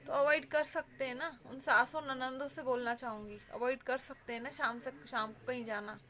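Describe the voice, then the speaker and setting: A woman's voice: high-pitched, steady tone, moderate pace, bright, forceful tone, slight background noise. A woman vlogger giving heartfelt advice straight to her viewers, earnest and pleading in a conversational way.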